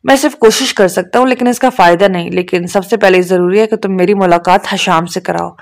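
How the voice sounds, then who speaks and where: A woman's voice: medium pitch, natural voice. A woman reading as an offhand, teasing young man. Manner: offhand, dry, unbothered. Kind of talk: audiobook dialogue reading.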